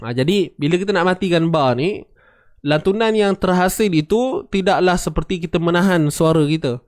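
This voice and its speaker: A man teaches the rules of Quran recitation in a tajwid lesson, patiently demonstrating sounds and repeating them for his students with recited examples. His voice is high-pitched and moderately paced. The recording is studio quality, with no room sound.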